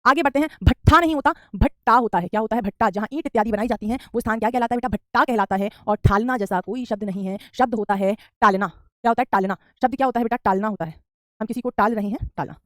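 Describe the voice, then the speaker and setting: A woman teaching an online spelling lesson. She works briskly through each word, repeats the correct form and calls her students "beta". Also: medium pitch, no room sound, clean studio sound. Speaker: Hindi teacher.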